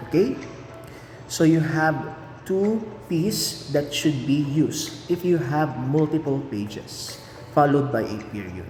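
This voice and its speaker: A middle-aged man teaching a lesson step by step, deliberately, as if dictating while he writes. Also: a little high, animated, a little mellow. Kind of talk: lesson narration explaining slides. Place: indoor room, recorded online lesson. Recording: echoey reverberant room, faint background noise.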